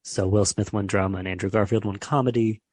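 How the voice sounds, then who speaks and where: A man's voice: on the low side, fairly even intonation, quick pace, darkish tone, slightly rough. A man co-hosting a podcast, chatting casually about film awards, laughing often and using lots of fillers. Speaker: podcast co-host.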